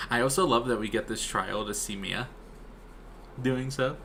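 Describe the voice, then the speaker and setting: A man's voice: mid-range voice, unhurried, vocal fry, bright, forceful tone, a little hiss or hum. Enthusiastic man chatting over a game. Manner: enthusiastic, laughs often, swears. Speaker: streamer. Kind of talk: casual chat while reading a game.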